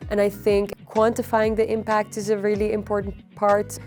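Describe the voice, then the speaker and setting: A young adult woman, a PhD researcher, explaining in measured interview answers with frequent ums and uhs. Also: mid-range voice, soft background music. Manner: measured, even, with frequent fillers. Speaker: PhD researcher on extreme heat.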